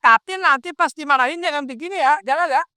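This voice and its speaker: In an interactive sermon, a man explains his points while firing question after question at his listeners, quizzing them animatedly. His voice is extremely high-pitched and fast, captured in a dry, studio-quality recording.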